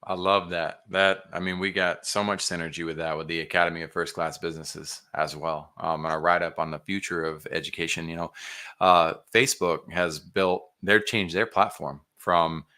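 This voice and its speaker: A man's voice: deep voice, steady tone, normal speed, pushed and bright, clear, resonant tone. A man hosting a podcast interview, enthusiastic and encouraging in a casual way. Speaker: podcast host.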